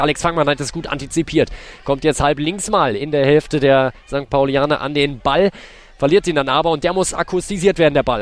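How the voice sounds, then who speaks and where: High-voiced man calling football play-by-play. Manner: detailed, descriptive calls in short clipped phrases. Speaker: sports commentator. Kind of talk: live play-by-play football commentary.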